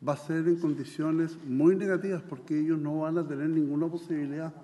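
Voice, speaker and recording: A man's voice: fairly high pitch, fairly even intonation, fairly quick, warm tone. A man with a Chilean accent, a legislator arguing emphatically in a committee debate. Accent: Chilean Spanish. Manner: emphatic, argumentative. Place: senate committee room. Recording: long reverb in a hall.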